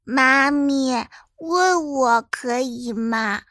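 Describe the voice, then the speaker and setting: A woman voicing a sweet, clingy little boy in a storybook reading, in a childlike, drawn-out way. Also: high-pitched, fairly bright tone, dry recording, clean studio sound, heavily acted.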